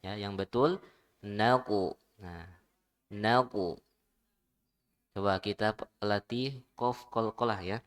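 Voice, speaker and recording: A man's voice: fairly low pitch, clear, resonant tone. A man teaching Quran recitation, modeling each syllable and patiently correcting pronunciation. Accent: Indonesian. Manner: repeats syllables slowly and corrects gently.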